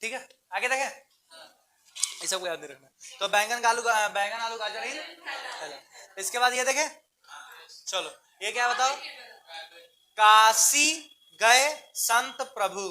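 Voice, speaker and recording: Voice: mid-range voice, moderate pace, pauses often, bright, forceful tone. A chemistry teacher in a classroom, drilling students with chanted mnemonics and repeated questions, chatty and teasing. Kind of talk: classroom lecture. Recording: classroom with students talking in the background.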